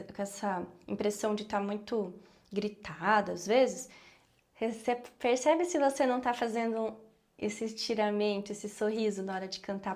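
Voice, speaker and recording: A woman's voice: mid-range voice, darkish tone. A woman with a Brazilian Portuguese accent teaching a singing lesson, explaining patiently and checking in with her students often.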